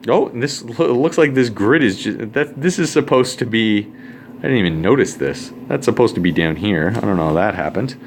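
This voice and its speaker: Man, math teacher, casual lesson with jokes, low voice, lively pitch, faint room hum. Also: moderate pace. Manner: casual, joking asides while writing. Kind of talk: recorded screen lesson.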